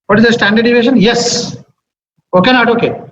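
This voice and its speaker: A man's voice: very high-pitched, brisk, a bit bright. A man with a Telugu accent giving an interactive lecture, repeating himself and checking understanding with short questions. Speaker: statistics teacher. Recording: muffled, echoey, noisy room recording.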